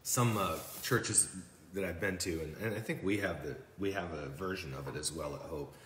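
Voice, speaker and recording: A man's voice: sits low, moderate pace, a bit bright. A man who is a church guest, thoughtful in conversation and often agreeing. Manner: reflective, agreeable, backchannels often. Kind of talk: casual faith chat. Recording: roomy, echoey room.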